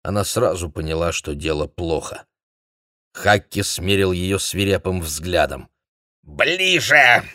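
A man narrating an audiobook in a measured storytelling manner. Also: sits low, dry recording, studio quality. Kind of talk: scripted narration.

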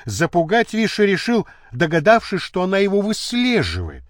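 A man narrating an audiobook with expressive storytelling, close to the mic. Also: sits high, moderate pace, no echo.

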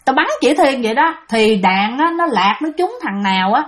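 An angry, accusing male ghost who has taken over a soldier's body, shouting his grievances in a high, strained voice, as a woman telling the story puts him on. The delivery is loud and reproachful, and he barks out his complaints. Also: expressive, moderate pace.

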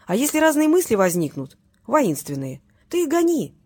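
A woman's voice: high voice, wildly swooping pitch, normal speed, dark tone, breathy edge, pitched above the performer's own voice, full character voice. A woman voicing a cocky male tough guy who threatens people in a mocking, cheerful way, in an audiobook.

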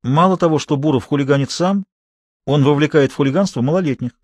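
A man's voice: on the high side, fast talker, darkish tone, no room sound, natural voice. A man voicing an earnest Soviet schoolgirl activist who speaks firmly and lectures. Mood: lecturing. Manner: firm, lecturing.

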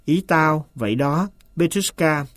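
A nervous, agitated master speaks here, as a man reads him aloud. He turns shrill and hisses when he loses his temper. The recording is dry and close, like a storybook read at the mic. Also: lively intonation, a little slow, a bit bright, no room sound. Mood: coaxing. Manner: shrill, hissing when upset.

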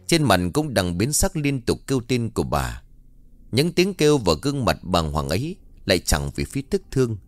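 A man narrating a ghost story in a dramatic, scripted storytelling manner. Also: lowish voice.

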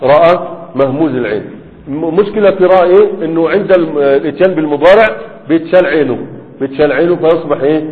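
A man's voice: fairly high pitch, fast. A man with an Egyptian Arabic accent teaching grammar in a classroom lecture, often quizzing his students with "right?" and "what?". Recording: phone-like, with a long hall reverb.

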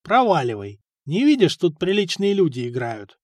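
A man's voice: fairly high pitch, wildly swooping pitch, moderate pace, dry recording, studio quality. A man doing a curt, dismissive young gambler. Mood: hostile. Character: hostile, lazy young male gambler.

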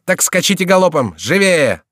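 A man voicing an impatient, commanding Gascon rider who shouts his orders. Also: a little high, big pitch swings, fairly quick, no echo, studio quality, voice pushed up. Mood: urging.

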